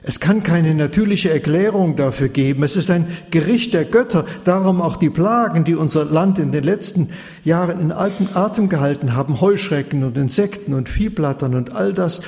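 A man voicing a grieving old father in a Bible story, grave and hushed. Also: fairly high pitch, normal speed, natural voice. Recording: long hall reverb.

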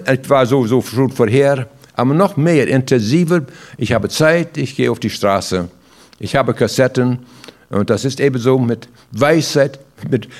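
An older man tells stories and preaches in a casual, warm way. He asks rhetorical questions, laughs between points, and often restarts his words. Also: mid-range voice. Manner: halting with many restarts. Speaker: traveling evangelist. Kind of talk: informal sermon testimony.

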